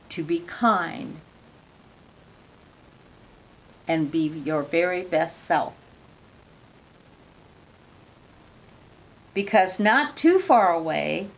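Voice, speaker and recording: A woman's voice: fairly low pitch, poor audio. A grandmother reading as a kind, firm little Christmas elf. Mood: gentle. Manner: gently instructive, storybook reading. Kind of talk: storybook reading.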